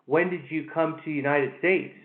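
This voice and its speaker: A man hosting an interview, talking haltingly with many fillers and repeated words. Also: on the high side, steady tone. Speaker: interview host. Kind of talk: casual interview. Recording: echoey, tinny phone-like line.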